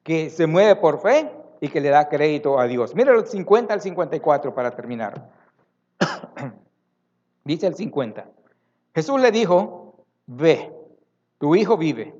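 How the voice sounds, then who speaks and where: A man's voice: a little high, darkish tone, dull audio. A man preaching a sermon as a pastor in a church, emphatic and repeating words for stress.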